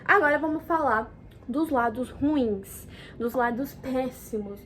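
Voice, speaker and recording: A young Brazilian woman vlogs in a casual, talkative way, her voice sitting a little high. She leans hard into exclamations, then drops into soft, quick asides. A faint hiss runs under the recording. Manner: expressive, chatty, swings between loud exclamations and soft asides. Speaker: vlogger. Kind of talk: casual chat to camera.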